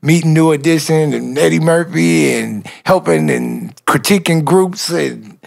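Gravelly man telling animated stories. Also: fairly high pitch, measured pace. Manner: animated, acts out dialogue, laughs often, slangy. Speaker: music executive guest. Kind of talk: casual storytelling interview.

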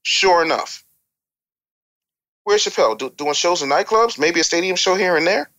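An American man with a high-sitting, expressive voice and fairly bright tone speaks at a moderate pace as an opinionated guest on a casual talk show. He is emphatic and repeats phrases for effect, like a storyteller.

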